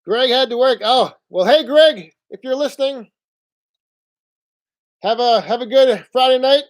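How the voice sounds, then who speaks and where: A man hosting a casual live stream from home on his phone, rambling along in a relaxed way and reading out viewer chat. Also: very high-pitched, unhurried. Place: indoors at home.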